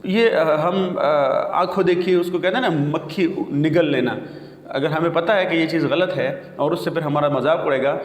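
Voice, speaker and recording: A man teaching English pronunciation, spelling words out slowly and deliberately. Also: fairly high pitch. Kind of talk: pronunciation lesson. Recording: echoey room with long reverb.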